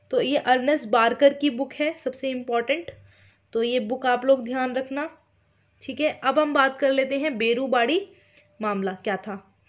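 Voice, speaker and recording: An Indian woman teaching an online exam-prep lecture, speaking slowly on purpose and often checking in with her listeners. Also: high voice, muffled recording. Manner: mixes English terms into her explanations.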